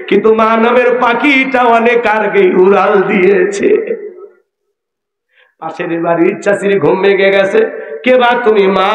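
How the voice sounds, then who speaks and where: A man preaching a Bengali sermon, telling a tearful story in a sing-song wailing style and voicing its characters. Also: high-pitched. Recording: echoey hall reverb, dull lo-fi sound with faint music.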